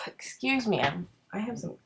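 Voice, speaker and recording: With heavy noise in the background, a woman stuffed up from a cold talks through her card-making, saying um often and laughing at her own messiness in a chatty, self-deprecating way. Her medium-pitched voice has vocal fry, wide swings in pitch, and an unhurried pace.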